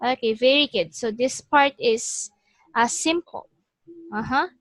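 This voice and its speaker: A woman's voice: a little high, unhurried, a bit bright, no room sound. A woman teaching a one-on-one pronunciation lesson, instructing and repeating words and phrases for the learner. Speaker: English teacher.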